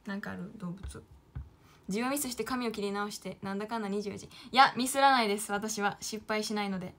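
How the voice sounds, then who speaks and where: Her voice is medium-pitched, a bit bright, and she talks fast. She's an idol livestreamer in her late teens from Kyoto, Japan, chattering in Kyoto Kansai dialect to viewers and to herself as she draws, often referring to herself by name.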